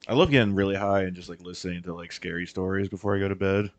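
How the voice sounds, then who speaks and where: A man's voice: deep voice, steady tone, rapid-fire, dry recording. A man co-hosting a podcast, chatting casually in a rambling way, full of fillers and swearing. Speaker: podcast co-host. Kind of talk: casual chat.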